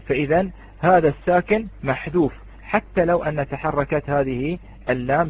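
A man teaching Quran recitation rules in an online lesson, patiently repeating words slowly as he explains. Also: mid-range voice, slightly rough. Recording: phone-like online audio.

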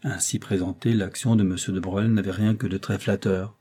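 Low husky male narrator. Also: steady tone, mellow. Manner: measured storytelling delivery. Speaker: audiobook narrator. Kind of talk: scripted narration.

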